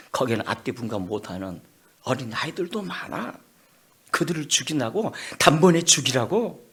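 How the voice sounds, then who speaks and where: A man's voice: on the high side, slightly rough, heavily acted. A preacher voicing a patient fatherly God. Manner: calm, reasoning, then impassioned.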